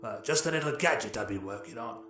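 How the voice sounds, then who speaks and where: A man doing the Doctor as a fussy, genteel alien gentleman from an audiobook, soft-spoken and breezy, full of polite old-fashioned phrases. The voice sits a little back from the mic in a roomy, echoing space, with faint music underneath. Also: mid-range voice, lively intonation, quick pace, distant mic. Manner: soft and breezy, explaining with many "well"s. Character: eccentric genteel alien gentleman time traveller, male. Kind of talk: audiobook character voice.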